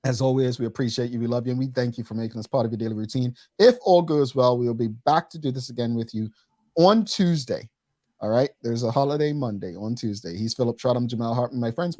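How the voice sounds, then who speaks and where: Upbeat talk show host. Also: male voice, medium pitch, fast, darkish tone, no room sound, clean studio sound. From Bermuda. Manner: upbeat, announcer-like sign-offs. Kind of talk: casual talk show chat.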